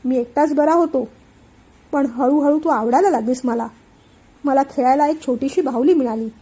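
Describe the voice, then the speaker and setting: A woman's voice: high-pitched, dark tone, lightly acted. A woman voicing a young man, an emotional elder brother, speaking in a heartfelt and earnest way in a read-aloud story.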